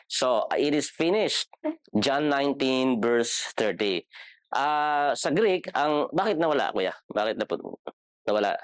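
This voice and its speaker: Filipino man, bible class teacher, smooth clear voice, dry close sound, chatty, asks questions. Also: mid-range voice, expressive, a little slow, no echo. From Philippines. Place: church classroom.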